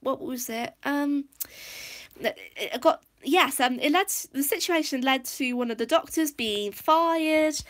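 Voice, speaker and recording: High-voiced woman rambling through a live review. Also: a bit bright. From Wales. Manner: rambling, distracted, many fillers and restarts. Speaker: livestream host. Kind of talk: casual live review chat.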